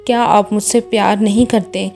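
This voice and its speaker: A woman's voice: mid-range voice, fairly even intonation, gravelly, darkish tone, soft background music, lightly acted. A woman voicing a young wife who pleads tearfully with her husband and mother-in-law. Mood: pleading.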